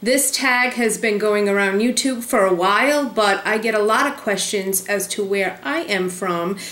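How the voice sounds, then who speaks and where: A Rhode Island woman in her thirties, with the local accent, chats casually through an accent tag vlog with plenty of ums. Her mid-range voice is unhurried and fairly bright, and the sound is roomy.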